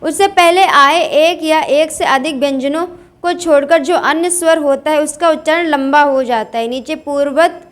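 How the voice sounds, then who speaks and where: A woman's voice: high-pitched, normal speed. A woman teaching a pronunciation lesson, reading rules aloud and drilling word lists. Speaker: English teacher. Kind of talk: slow classroom-style pronunciation lesson.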